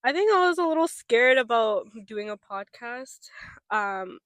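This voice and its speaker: A woman's voice: a little high, lively intonation, a little slow, fairly bright tone, dry recording. A young woman as a podcast guest, talking in a reflective, casual way full of "like". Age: young adult. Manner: reflective, lots of "like" and quoted inner thoughts. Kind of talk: casual chat. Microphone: podcast mic.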